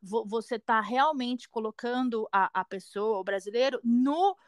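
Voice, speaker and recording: A woman chats as a guest, circling around her point with many restarts. Her voice is fairly high and sounds dry and close. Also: a little slow, no room sound. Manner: hesitant, chatty, many restarts. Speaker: guest, English learner. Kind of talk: casual conversation.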